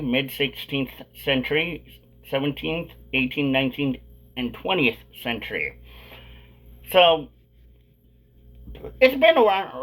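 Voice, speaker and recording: A man's voice: fairly high pitch, fairly bright tone, rough recording. A man hosting a casual vlog, talking with a dip of chewing tobacco tucked in his lip. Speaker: video host.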